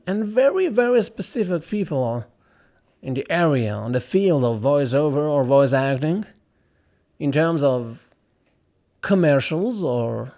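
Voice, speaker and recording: In a casual to-camera talk about voiceover acting, an Arabic-speaking man explains himself earnestly, frequently restarting and adding asides. His voice is slightly high and darkish in tone.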